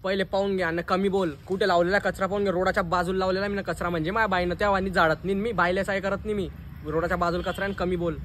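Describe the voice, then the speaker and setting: A man's voice: high voice, flat delivery, rapid-fire, a bit bright, slight background noise. A man with a Khandeshi Marathi accent acting in a comedy sketch, arguing confrontationally with a neighbour. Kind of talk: comic neighbour quarrel sketch.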